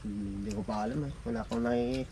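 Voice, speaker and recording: An older man answering briefly and quietly while sharing a meal. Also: medium pitch, very animated, fairly quick, creaky, slight background noise. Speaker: dining companion.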